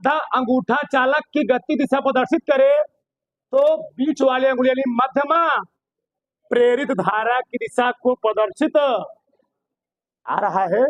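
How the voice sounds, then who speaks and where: A man with a very high voice teaches a physics class, repeating himself and firing questions at his students. His comes through on a dry, close recording. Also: unhurried, dry recording, lo-fi sound. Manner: repetitive, quizzing students with questions. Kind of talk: classroom lecture.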